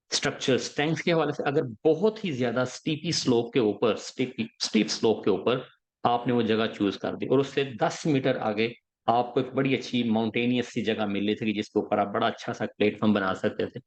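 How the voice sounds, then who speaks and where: A man's voice: medium pitch, a little mellow. A man giving explanatory podcast advice on engineering job interviews, walking through points step by step and often checking in with the listener.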